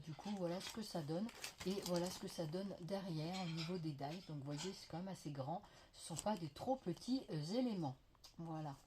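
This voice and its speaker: A woman's voice: on the low side, warm tone, a little hiss or hum. A French woman vlogging a crafting haul, chatting and gushing with many fillers, her voice slightly veiled from a lingering cough. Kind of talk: casual show-and-tell haul. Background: faint clatter of dishes.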